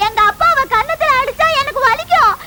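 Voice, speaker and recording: A woman's voice: very high-pitched, brisk. An actress playing a devoted young daughter who is crying over her father in a Tamil film. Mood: tearful. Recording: noisy film soundtrack.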